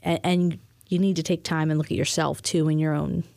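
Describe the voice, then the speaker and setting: A woman talking through money advice in a relaxed, earnest conversation, often restarting her phrases as she explains. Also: low voice, a little fast, creaky, no room sound, studio quality. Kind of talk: casual conversation.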